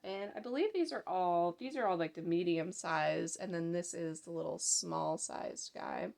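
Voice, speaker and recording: Her voice sits fairly low, with vocal fry and a slightly mellow quality, moving at a moderate pace. Hoarse from a mild cold, this crochet designer and vlogger in her thirties chats warmly and rambles through a casual show-and-tell of her handmade pieces, using lots of fillers, in a sunlit home craft room.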